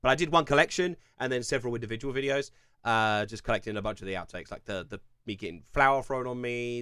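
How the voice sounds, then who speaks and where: A man's voice: mid-range voice, fairly bright tone, clean tone, dry recording, studio quality. A young man with an English accent from Kent, chatting casually on a live stream as he reads and answers viewer questions, rambling with plenty of fillers and restarts. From England.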